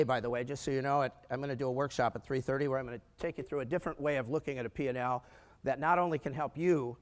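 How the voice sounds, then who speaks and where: Older American man, conference speaker, energetic, rhetorical questions, humorous asides, fairly high voice, echoey hall. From United States. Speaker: keynote speaker on business finance. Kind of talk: conference presentation. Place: large conference room.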